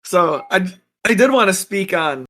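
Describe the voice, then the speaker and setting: A man's voice: high-pitched, animated, measured pace, bright, forceful tone. A man co-hosting a podcast, chatting in a casual, upbeat way and laughing often. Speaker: podcast co-host. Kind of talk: casual chat.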